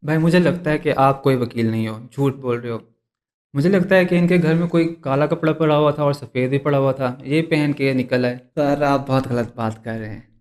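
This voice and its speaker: A male host presents a comedy podcast sketch. He sounds exasperated and keeps scolding his guest, in a voice that sits a little high for a man. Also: steady tone, a little fast, a little mellow.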